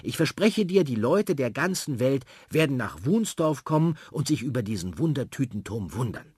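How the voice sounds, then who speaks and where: A man voicing an eager, bossy little girl who speaks in an excited, insistent way. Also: medium pitch, normal speed, slightly rough, dry recording, clean studio sound, voice pushed up. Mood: confident.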